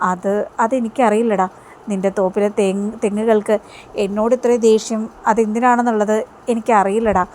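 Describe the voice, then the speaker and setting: A woman's voice: medium pitch, steady tone, a little fast, darkish tone, slight background noise, close to an everyday voice. Brief: woman reading a sneaky fake-sorry villain from a soap retelling. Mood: evasive. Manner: evasive, falsely sorrowful. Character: sly villainous man feigning injury.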